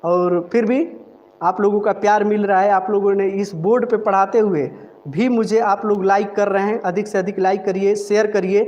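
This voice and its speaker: A man teaching a live online spoken-English class, drilling letters and words slowly and carefully in front of a board. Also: high-pitched. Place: room with a board. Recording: long reverb, faint room noise.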